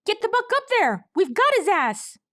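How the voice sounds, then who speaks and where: A woman voicing a scrappy older colt who leads a gang, shouting bossy orders in a storybook reading. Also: very high-pitched, huge pitch swings, fast talker, no echo, clean studio sound, pitched above the performer's own voice, heavily acted. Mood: urgent yelling.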